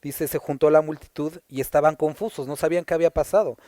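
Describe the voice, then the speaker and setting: Dry, mellow Mexican pastor teaching. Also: male voice, a little high, fairly even intonation, fast, no echo. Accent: Puebla Mexican Spanish. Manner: explains verse by verse, asks rhetorical questions. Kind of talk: conversational Bible teaching.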